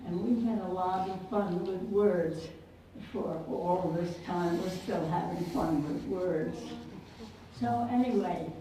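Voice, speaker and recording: A crowd can be heard behind this lowish-voiced woman in her early nineties, a poet and guest speaker. She offers personal stories to the audience in short, deliberate phrases. The setting is an indoor conference banquet room, very echoey, with the microphone sounding far away and faint noise.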